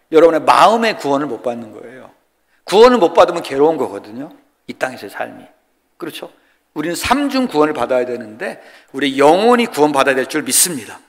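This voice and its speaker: Older male pastor in his 60s, from Chungcheong, fairly high voice, folksy joking sermon, questions the pews, church-hall reverb. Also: fairly bright tone. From Korea, Chungcheong region. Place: church sanctuary.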